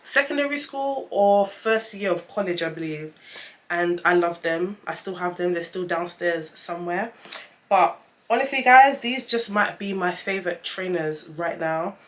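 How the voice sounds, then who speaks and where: A woman's voice: on the low side, normal speed. A young woman with a lisp with whistling s sounds, chatting casually and emphatically as she reviews a product in a vlog. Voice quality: lisp with whistling s from dental aligners. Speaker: vlogger reviewing trainers.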